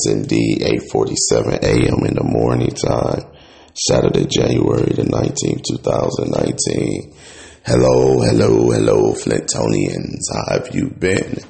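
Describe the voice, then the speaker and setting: A man's voice: extremely low pitch, unhurried, vocal fry, warm tone. A man hosting a casual morning show, rambling with many fillers, his voice audio crunchy and bitcrushed. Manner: rambling, filler-heavy, many uh's and restarts. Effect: crunchy, bitcrushed-sounding voice audio. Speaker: show host.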